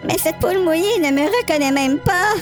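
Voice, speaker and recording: A man voicing a gleeful, mocking girl in a shrill falsetto. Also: expressive, a little fast, soft background music. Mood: gloating.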